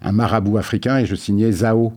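A man's voice: lowish voice, fairly even intonation, fairly quick, mellow. A man being interviewed as a guest artist, talking casually and hesitantly with many filler sounds.

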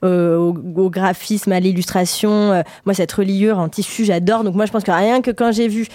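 A woman's voice: mid-range voice, steady tone, moderate pace, a little mellow, no room sound, studio quality. A woman on a radio panel speaking emphatically and directly about why she loves a book. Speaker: radio panelist reviewing books. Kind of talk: casual radio book review chat.

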